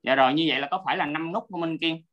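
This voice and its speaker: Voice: medium pitch, racing, a bit bright. A teacher explaining a Buddhist text in an online class, patiently checking that the student is keeping up. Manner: patient, checks often that the listener is following. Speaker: Abhidhamma teacher. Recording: dull lo-fi audio.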